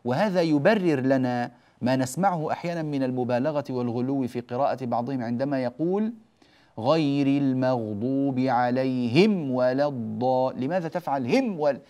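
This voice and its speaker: A man teaching Quran recitation rules on a program, slowly enunciating examples and firmly correcting common mistakes. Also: mid-range voice, mellow. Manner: slow, deliberate enunciation of examples, then explains. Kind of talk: televised tajweed lesson.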